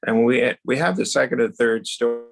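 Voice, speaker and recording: A town councilor, a man, speaking slowly in a council meeting over a video call whose audio glitches and breaks up. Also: medium pitch, creaky. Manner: slow, plain-spoken and level, with many fillers. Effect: glitchy video-call audio that breaks up and pauses.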